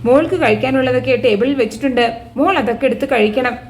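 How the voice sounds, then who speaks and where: A woman voicing a kindly older woman who soothes a frightened child, in a fast, high voice. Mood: soothing.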